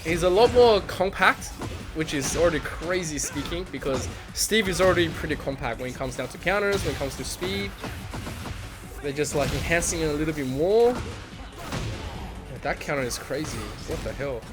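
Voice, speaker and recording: Excitable man hosting a game reaction, chatty and laughing, faint music underneath. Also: fairly high pitch, normal speed. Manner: excitable, laughs often, imitates lines. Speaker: gaming video host. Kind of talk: casual reaction commentary.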